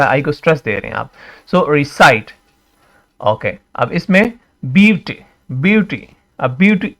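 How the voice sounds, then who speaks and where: A man teaching English pronunciation, repeating example words slowly and asking and answering his own questions. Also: a little high, fairly bright tone. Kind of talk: classroom explanation.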